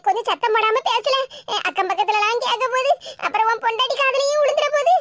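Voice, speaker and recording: Cartoon mom, played by a woman: very high, quick, worried peacemaker with a Tirunelveli accent. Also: very noisy. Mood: pleading. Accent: Tirunelveli Tamil. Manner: pleading, soothing, fretful asides. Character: fussy older mother, peacemaking, worried. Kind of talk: cartoon voice acting.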